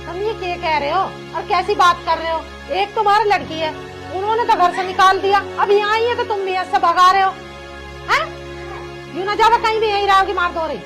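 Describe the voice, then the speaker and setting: A woman's voice: extremely high pitch, a little fast. A woman playing a protective mother who soothes her crying daughter and scolds her husband, in a devotional family melodrama. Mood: reproachful. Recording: loud background music score.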